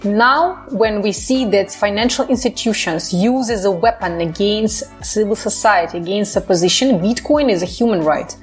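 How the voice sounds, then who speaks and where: A woman's voice: medium pitch, moderate pace, few pauses, faint music behind. A woman from Ukraine, a human rights advocate answering interview questions earnestly in phrasing with frequent fillers.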